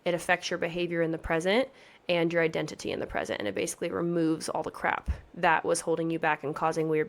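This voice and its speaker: A woman in her thirties talks casually into her podcast mic as a pageant coach. Her voice sits somewhat low, and she speaks in an earnest, emphatic, motivational way, chatting with her listeners. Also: vocal fry.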